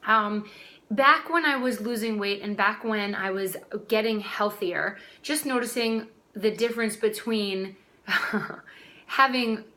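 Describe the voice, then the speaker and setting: Bright-voiced chatty woman coach. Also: mid-range voice, takes it slowly. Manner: chatty, direct, addresses viewers as guys. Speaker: health coach. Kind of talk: casual vlog talk. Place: home dining room.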